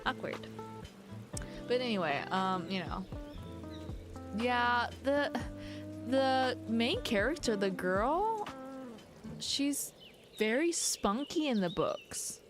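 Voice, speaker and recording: A woman's voice: on the high side, big pitch swings, slow pace, pauses often. A woman live-streaming a cozy game, chatting casually and rambling with lots of "like"s. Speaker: gaming streamer. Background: game background music.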